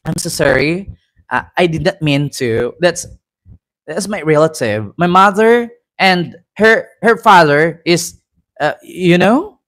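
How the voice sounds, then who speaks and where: A man voicing an apologetic adult man who stumbles through halting explanations in English, speaking softly. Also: high-pitched, very animated, exaggerated voice. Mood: sheepish.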